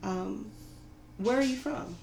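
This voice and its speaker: A woman interviewing a guest, brisk and upbeat, with quick short replies. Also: medium pitch, vocal fry, a little mellow, roomy sound, low-quality recording. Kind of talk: casual interview.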